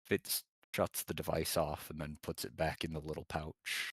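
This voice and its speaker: A man narrating scenes as game master of a tabletop game, calm and descriptive. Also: very deep voice, moderate pace, husky, dry recording.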